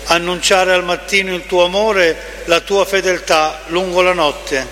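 A man's voice: high-pitched, steady tone, a little slow. A man reading scripture formally as a lector at Mass in a large reverberant church. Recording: reverberant church hall, faint noise.

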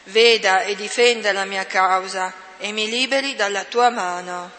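High, bright-voiced man reading scripture slowly. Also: steady tone. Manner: measured, solemn reading. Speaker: lector. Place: church. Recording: long church reverb.

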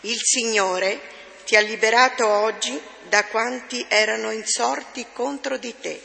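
Female lector, measured scripture reading, gravelly, long reverb. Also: fairly high pitch, fairly even intonation, bright, forceful tone. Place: church.

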